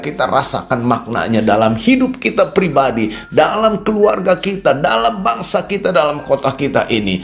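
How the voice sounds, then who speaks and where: Indonesian pastor preaching on the radio. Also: male voice. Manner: addresses listeners as "Saudara" constantly; swings from low quiet asides to raised emphatic peaks. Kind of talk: radio sermon. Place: radio studio.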